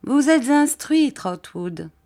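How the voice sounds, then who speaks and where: Audiobook: a female reader doing a gentle simple-minded old man, high, slow and earnest. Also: big pitch swings, exaggerated voice. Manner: earnest, confiding, halting phrases. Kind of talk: audiobook character reading.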